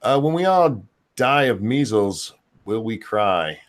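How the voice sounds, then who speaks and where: A man's voice: lowish voice, very animated, slow. A man hosting a live stream in casual chat, reading out viewer comments with blunt, sardonic swearing.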